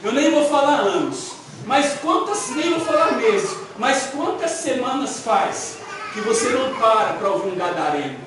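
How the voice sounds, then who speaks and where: A man preaching a sermon as a missionary, animated and storytelling, acting out voices from Bible stories. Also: extremely high pitch, normal speed. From Brazil. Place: church hall. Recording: echoey church hall, mic far off, audible noise.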